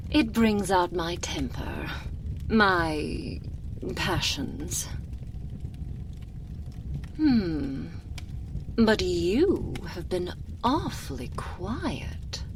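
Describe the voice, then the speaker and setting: A woman's voice: lowish voice, noisy background, exaggerated voice. A woman playing an imperious, seductive aristocratic vampire lady with wounded pride, in a languid, theatrical ASMR roleplay, close to the microphone and drifting into near-whispers. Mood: seductive, teasing. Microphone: close binaural microphone.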